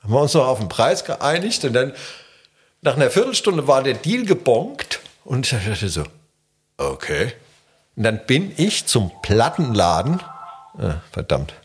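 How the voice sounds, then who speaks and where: Animated man telling stories. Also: mid-range voice, a little slow, breathy edge. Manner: animated storytelling. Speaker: guest musician. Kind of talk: casual interview talk.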